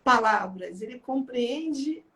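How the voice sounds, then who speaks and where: A woman, an author telling lively anecdotes about her book and laughing as she goes. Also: a little high, slow. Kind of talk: casual storytelling talk.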